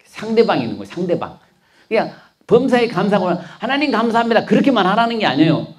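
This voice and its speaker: A man's voice: high-pitched, sing-song, fast talker. A middle-aged man, a doctor, giving a folksy, joking health talk to an older audience and asking them to repeat after him. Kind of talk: lively lecture to older listeners.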